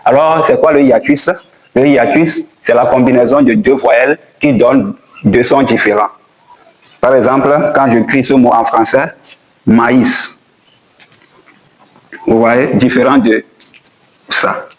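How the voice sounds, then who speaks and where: A man teaching a spoken language lesson, patiently repeating each point and sounding out letters slowly. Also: medium pitch, fairly even intonation, low-quality recording.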